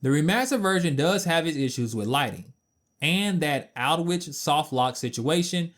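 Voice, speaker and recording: Young male game reviewer, slightly high voice, blunt and emphatic, opinionated, twenties. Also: moderate pace. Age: 20s. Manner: blunt, emphatic, animated asides.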